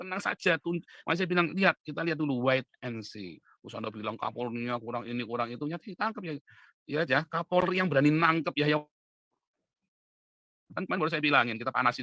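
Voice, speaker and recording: With no echo, a male preacher and online commentator delivers a casual direct-to-camera monologue. He is emphatic, dropping into low asides before rising to loud, insistent urging, and he often tags his lines with "ya kan?"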